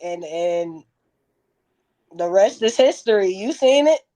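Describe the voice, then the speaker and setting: A woman's voice: mid-range voice, expressive, takes it slowly, mellow. A woman in her thirties, a guest in a casual interview, telling stories bluntly with plenty of profanity. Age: 30s.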